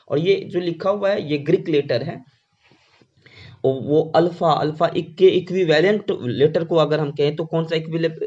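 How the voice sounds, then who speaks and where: A man with a slightly high voice teaches slowly, putting questions to his class and answering them himself. The sound is dull and lo-fi. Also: a little mellow. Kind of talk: classroom lecture.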